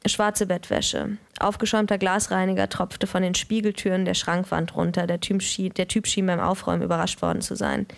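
A woman's voice: on the low side, little pitch movement, a little fast, vocal fry, hardly any pauses. A woman in her thirties, an author, reading her own novel aloud in a dry, matter-of-fact way and stopping now and then to correct herself. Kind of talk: literary reading and casual chat.

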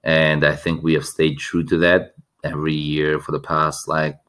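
Deep-voiced man telling a story. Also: flat delivery, normal speed, fairly bright tone. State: recovering a lost voice. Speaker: podcast co-host. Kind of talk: casual chat.

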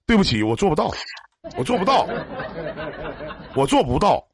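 A man's voice: on the high side, very animated, normal speed, crowd noise. A man hosting a livestream emotional advice show, talking emphatically with pointed rhetorical questions. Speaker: livestream radio host.

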